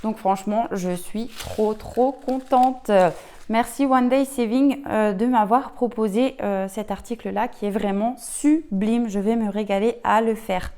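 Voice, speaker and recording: A woman's voice: a little high, fairly even intonation, moderate pace, few pauses, darkish tone. A woman chatting casually while unboxing a diamond painting kit, enthusiastic and full of fillers. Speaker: craft unboxing vlogger.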